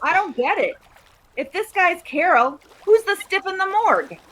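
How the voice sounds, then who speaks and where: A woman playing a slow-witted, blunt police sergeant who sounds baffled and plain-spoken, in 1940s radio drama style. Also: very high voice, animated, fairly bright tone.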